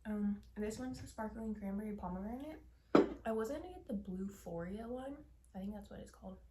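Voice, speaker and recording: A young woman chatting casually while she eats on camera, candid and swearing offhandedly, often dropping into soft whispered asides. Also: medium pitch, fairly quick, reverberant, heavy background noise. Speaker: mukbang vlogger. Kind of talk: casual mukbang chat while eating.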